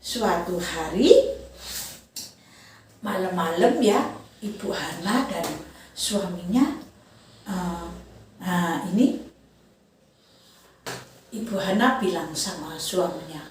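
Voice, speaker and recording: A woman's voice: fairly low pitch, lively intonation, slow pace, long pauses, a little hiss or hum. A woman Sunday school teacher, animatedly telling a Bible story to children and often checking in with them. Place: church room. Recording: echoey room, far from mic.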